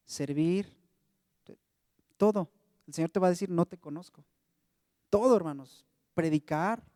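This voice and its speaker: Speaking with a Mexican Spanish accent, a man with a fairly high, mellow voice preaches a friendly, conversational sermon, calling his congregation brothers. His voice is close and dry, trailed by a long reverb from the surrounding hall.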